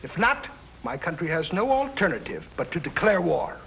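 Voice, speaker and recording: A sneering scheming diplomat. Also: male voice, high-pitched, very animated, moderate pace, vocal fry, fairly bright tone, slight background noise, full character voice, rough recording. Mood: accusing. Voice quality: smug, mocking. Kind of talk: 1950s radio drama acting.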